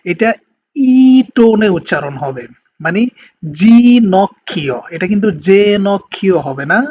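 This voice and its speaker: A man from Bangladesh with a Bangladeshi Bengali accent, teaching an online language lesson in a patient, explanatory way and slowing down to spell out words. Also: high voice, a little mellow. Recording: slightly dull lo-fi recording with faint background noise.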